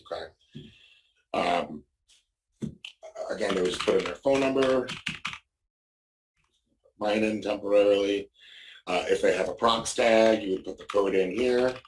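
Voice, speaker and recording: A man with a fairly low voice walks through a product demo informally, explaining things a little slowly, pausing often and frequently checking in with "okay". The sound is roomy and echoey from a distant microphone, with slight background noise.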